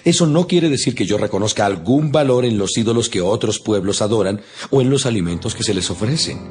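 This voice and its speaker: An actor playing an earnest, stern apostle in a dramatized audio Bible, with solemn, emphatic, preacherly delivery. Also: male voice, fairly low pitch, expressive, brisk, darkish tone, breathy edge. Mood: solemn, admonishing. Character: apostle Paul, earnest, stern male preacher to his flock. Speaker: Bible reader voicing the apostle Paul. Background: music behind the voice.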